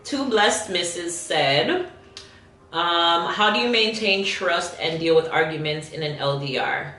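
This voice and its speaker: A woman with a lowish, pushed, bright voice hosts a casual, chatty vlog, reading and answering viewer questions. She's emphatic and slangy and laughs easily, and the recording has a roomy echo with faint music in the background.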